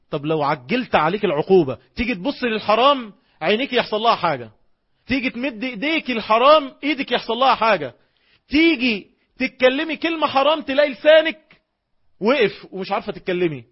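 A man's voice: fairly high pitch, slightly rough, highs cut off. A man with an Egyptian accent preaching a fervent sermon, arguing with imagined objections in a rhetorical back-and-forth. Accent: Egyptian Arabic.

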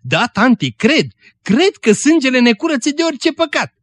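A man's voice: sits high, sing-song, a bit bright, dry recording, voice pushed up. A man reading aloud and voicing an earnest, tender young village woman in a raised, pleading voice. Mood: fervent.

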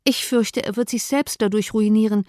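An earnest, quick-minded young woman from a classic novel, voiced by a woman reader. She speaks eagerly and presses her point. The recording is close and dry. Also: mid-range voice, darkish tone, no echo, voice pushed up, close to an everyday voice. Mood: reflective. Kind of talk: audiobook character reading.

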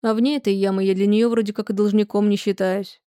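A woman voicing a calm, thoughtful young man who reasons patiently. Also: medium pitch, fast, clear, resonant tone, no room sound, studio quality, natural voice.

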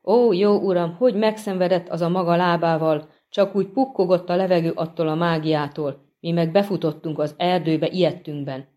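A woman voicing a chatty, grateful middle-aged peasant man in an audiobook, talking in a folksy, animated way. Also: lowish voice, few pauses, lightly acted. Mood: earnest. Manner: folksy, animated, respectful to his master. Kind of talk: audiobook reading.

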